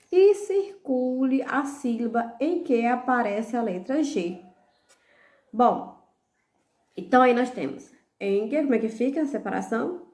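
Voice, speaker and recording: A Brazilian primary school teacher with a fairly high voice and a Brazilian Portuguese accent corrects homework in a recorded lesson, and the sound is reverberant. She speaks slowly and patiently, spelling out syllables and letters one by one and often checking in with "tá bom?" and "né?".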